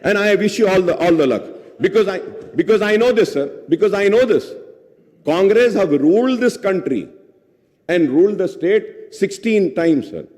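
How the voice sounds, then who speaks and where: A man's voice: high voice, animated, extremely slow, darkish tone. A man giving a speech in a legislative assembly, switching between Hindi and English, addressing the chair as sir, reading out figures and pressing his point. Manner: reads out figures, then turns argumentative. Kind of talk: parliamentary speech. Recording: long reverb of an assembly hall.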